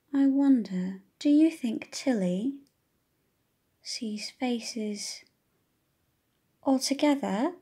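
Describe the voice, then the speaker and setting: In a high, warm, husky voice, a woman performs a children's story for an audiobook. Her reading is expressive, dotted with teacher-like questions aimed at the young listeners.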